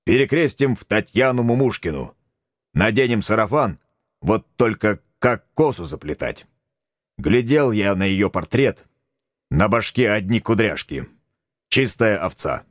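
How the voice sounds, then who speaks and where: Guy doing a bossy folksy tsar, deep voice, swings up and down a lot, dry close sound. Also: expressive, measured pace, no echo. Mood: musing. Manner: homespun old-fashioned speech, blunt and chatty. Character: folksy bossy male tsar, middle-aged. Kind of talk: audiobook character voice.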